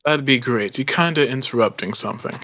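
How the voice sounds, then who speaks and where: A man's voice: medium pitch, a little fast, pushed and bright, no room sound. Man putting on a sultry, curt sunbathing woman. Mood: dismissive. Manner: curt, dismissive.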